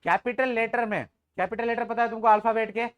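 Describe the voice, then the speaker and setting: High-pitched guy teaching grammar to a class, jokey, keeps asking if everyone gets it. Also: fairly even intonation, fast, a bit bright. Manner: talks straight to students, checking often whether they understood; jokes with the class, informal and teasing. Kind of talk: classroom lecture in Hindi mixed with English.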